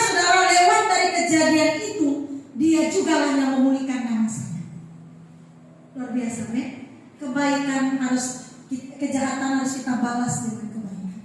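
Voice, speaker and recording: A woman's voice: high voice, slight background noise. A middle-aged woman pastor from Manado, preaching a sermon full of personal stories and often turning to the congregation. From Manado, Indonesia. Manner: animated, keeps addressing the congregation. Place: church hall. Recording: echoey church hall from far off.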